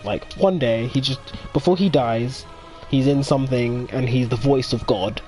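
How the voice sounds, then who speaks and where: A man commenting on a game playthrough in an excitable, rambling way. His voice sits at a middle pitch, with soft game music underneath. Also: normal speed. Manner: excitable, rambling fan talk. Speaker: gaming video host. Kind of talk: casual let's play commentary.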